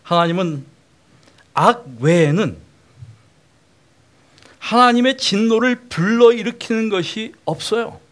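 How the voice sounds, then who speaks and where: A middle-aged man preaching in a lecture-style sermon, talking with his congregation in a plain, conversational way. His voice sits a little high for a man. He keeps asking them questions as he teaches. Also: slow, pauses often. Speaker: pastor.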